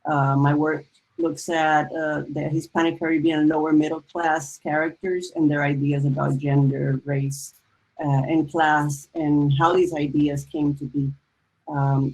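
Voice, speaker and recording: Husky gravelly woman, halting. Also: low voice, flat delivery, a little mellow, rough recording. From Dominican Republic. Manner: halting, many fillers. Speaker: storyteller and novelist. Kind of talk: panel discussion.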